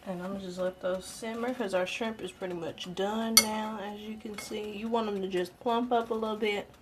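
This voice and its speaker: A woman's voice: medium pitch, steady tone, a little fast. Woman, twenties, casual cooking show host, chatty, talks straight to viewers, home kitchen, frying noise behind. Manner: chatty, talks to viewers directly, laughs easily. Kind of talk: casual live cooking demonstration. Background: sizzling pans and utensil clatter.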